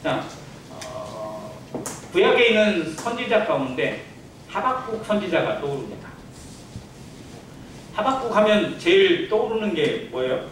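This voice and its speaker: A pastor giving a Sunday sermon in a church, preaching conversationally and putting rhetorical questions to the congregation. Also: male voice, high-pitched, big pitch swings, a little slow, long pauses, a bit bright, slight background noise. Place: church sanctuary. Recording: very echoey church hall, from a distance.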